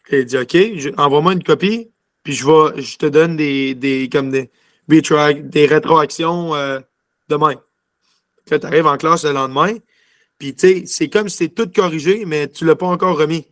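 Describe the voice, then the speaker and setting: A young adult hockey player from Quebec's junior ranks is the interview guest here, chatting casually and rambling with frequent fillers in a Quebec French accent. He speaks at moderate speed with a slightly bright, high-leaning voice, recorded in studio quality with no room sound.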